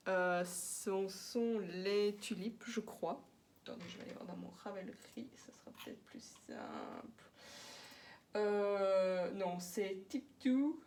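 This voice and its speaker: A Belgian woman chats about her knitting at home, speaking through her laptop microphone. She has a Belgian French accent and a voice of middling pitch, and she rambles warmly with plenty of fillers and self-corrections. A faint hiss sits under the recording. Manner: chatty and self-deprecating, with many fillers and restarts, laughing often. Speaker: knitting vlogger. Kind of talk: casual chat. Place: at home, working on a work laptop.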